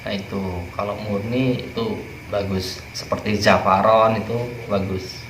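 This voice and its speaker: A man, speaking as a spiritual teacher in a relaxed, rambling way, trailing off softly at the ends of phrases. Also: lowish voice, a little slow. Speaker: spiritual teacher explaining rituals. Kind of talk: casual explanatory talk. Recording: echoey room with faint ambient noise.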